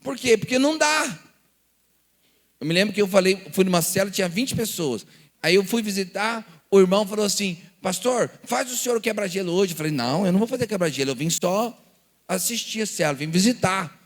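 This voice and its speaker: A man's voice: sits high, expressive, a little fast, in a large hall. A man with a Brazilian Portuguese accent, a pastor teaching a church seminar, telling stories and acting out the dialogues with rhetorical questions. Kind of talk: lively church seminar talk.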